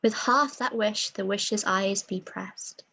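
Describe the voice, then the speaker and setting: A woman reading a gently teasing young woman. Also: medium pitch, unhurried, rough recording. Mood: gentle. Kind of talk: amateur Shakespeare read-through.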